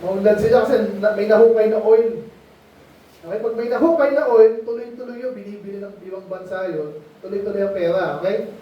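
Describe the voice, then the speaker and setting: Fairly quick and steady in tone, a high-voiced man preaches a Bible lesson sermon in Tagalog to children, talking with them conversationally and stopping often for questions. The recording, made in a mission meeting space, is muffled and echoey with a distant microphone.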